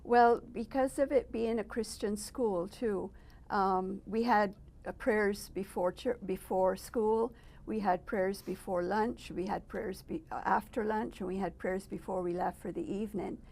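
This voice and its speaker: Measured, gravelly-voiced middle-aged woman. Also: mid-range voice, fairly even intonation, darkish tone. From Barbados. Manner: thoughtful, measured, with frequent pauses. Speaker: guest. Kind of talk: personal testimony interview. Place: residence.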